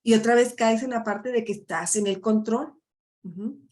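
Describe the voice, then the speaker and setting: A woman's voice: a little high, normal speed, darkish tone. A middle-aged woman, a life coach giving a chatty workshop talk full of tag questions. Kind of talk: live online workshop talk.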